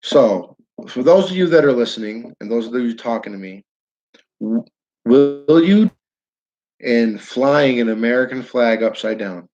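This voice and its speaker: A man with a northern New York accent hosts a relaxed livestream from his downtown building, rambling and restarting his sentences as he talks to viewers by name. He has a mid-range, expressive voice with a darkish tone and speaks a little slowly, and the recording is muffled.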